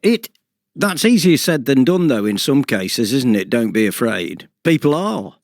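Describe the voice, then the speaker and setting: A man's voice: mid-range voice, very animated, a little slow, dry recording, clean studio sound. A man with an English accent hosting a local radio show, questioning a guest in a friendly, conversational way. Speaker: radio presenter. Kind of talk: radio interview.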